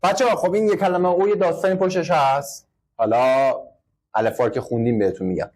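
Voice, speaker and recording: A man's voice: a little high, a little mellow. Man teaching an English class. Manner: explains patiently, repeats words, quizzes the class. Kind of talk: classroom lesson.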